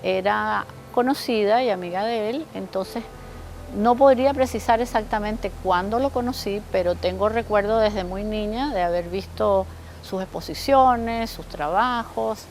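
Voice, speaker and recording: Woman from Chile, interview subject, gravelly voice, reflective, faint background hiss. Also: medium pitch, unhurried, darkish tone, low-quality recording. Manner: reflective, searching for words. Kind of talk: interview recollection.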